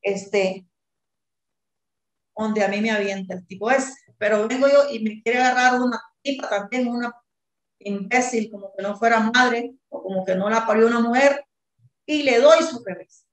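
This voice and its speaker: A woman in her fifties giving an agitated, indignant eyewitness account in an interview, acting out the shouted exchanges. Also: a little high, normal speed, reverberant. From Nicaragua. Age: 50s. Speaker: interviewee, mother of detained student. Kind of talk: emotional eyewitness testimony.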